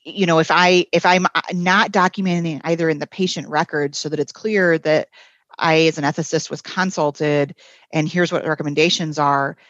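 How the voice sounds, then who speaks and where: A woman's voice: low voice, steady tone, moderate pace, a bit bright, no room sound, dull audio. A woman, a guest on a podcast, explaining her points frankly with some fillers. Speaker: health system ethics executive, guest. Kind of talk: conversational interview answer.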